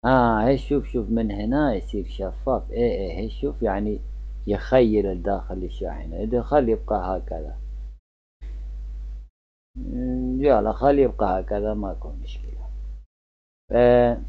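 A man's voice: mid-range voice, dull audio. A man with an Iraqi Arabic accent giving casual, chatty gameplay commentary as a gaming channel host, often trailing off mid-word.

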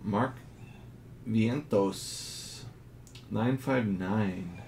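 Slow, low-voiced man listing card grades. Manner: slow, low-key commentary, grades read in a flat list. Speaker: card collector. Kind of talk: casual unboxing narration. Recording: audible background noise.

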